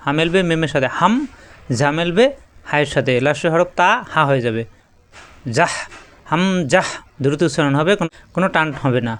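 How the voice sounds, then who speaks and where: A man teaching Arabic letter pronunciation, explaining in Bengali and repeating each letter name slowly with drawn-out vowels. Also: on the high side, fairly bright tone, smooth. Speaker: Quran recitation teacher.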